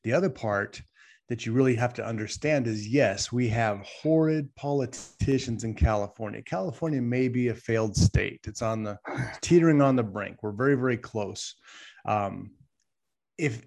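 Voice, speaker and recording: A man's voice: mid-range voice, moderate pace, vocal fry, darkish tone. A man co-hosting a talk show, arguing his point emphatically with lots of rhetorical questions. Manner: emphatic, rhetorical, keeps asking "right?". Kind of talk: opinionated casual talk.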